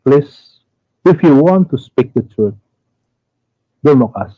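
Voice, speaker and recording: A man's voice: medium pitch, lively intonation, takes it slowly, no echo. A man from Indonesia, calling in to a live show and speaking hesitantly and defensively, sometimes searching for English words. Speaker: caller. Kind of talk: phone-in conversation. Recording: muffled phone line.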